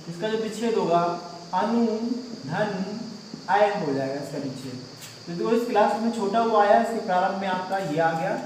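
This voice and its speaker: A man's voice: high-pitched, darkish tone. Male teacher quizzing a class through a grammar lesson, a faint hum of room ambience behind him. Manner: asks questions to the class, repeats answers. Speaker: Hindi teacher. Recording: echoey room, mic far off.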